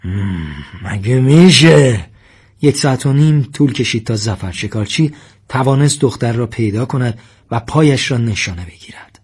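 A man narrating a story in a steady, measured reading voice. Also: medium pitch, husky.

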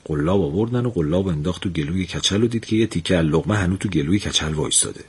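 A man narrates a comic folk tale in a lively, chuckling storytelling manner. His voice is low and noticeably husky.

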